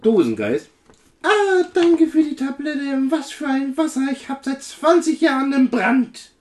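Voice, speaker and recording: A woman's voice: high voice, big pitch swings, unhurried, a little mellow. A woman voicing a rude, boozy male genie who has lived in a can for centuries, in an amateur radio play reading. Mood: grumpy. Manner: rude, grumbling, rambling.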